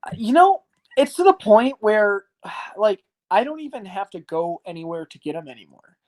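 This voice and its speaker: A man's voice: high voice, big pitch swings, normal speed, darkish tone. A man in his early twenties, an arcade business owner, talking casually as a guest with lots of fillers and a frank, rambling manner. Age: early 20s. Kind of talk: casual interview chat.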